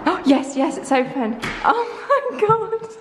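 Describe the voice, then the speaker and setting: A woman in her twenties giving a chatty, excitable house-tour vlog of her renovated bathroom, filmed on a handheld camera. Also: extremely high pitch, slow pace, noisy background. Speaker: vlogger. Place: empty bathroom under renovation, indoors. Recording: echoey bare room.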